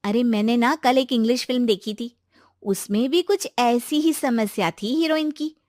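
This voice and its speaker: A woman's voice: fairly high pitch, normal speed, a little mellow, dry recording, studio quality, close to an everyday voice. A woman voicing a chatty young college friend who confides advice in a cartoon story.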